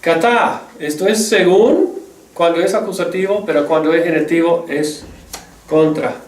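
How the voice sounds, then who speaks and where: A man teaching a Greek lesson, patiently drilling word forms with many drawn-out "ah" fillers. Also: a little high. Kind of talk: slow spoken language lesson. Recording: echoey room, voice far from mic.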